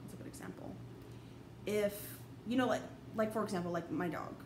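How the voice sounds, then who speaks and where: A young woman, a college anthropology instructor, gives a casual, rambling lecture over slides, packed with fillers and restarts. Her voice is mid-range and a little fast. The room is echoey, with faint background noise.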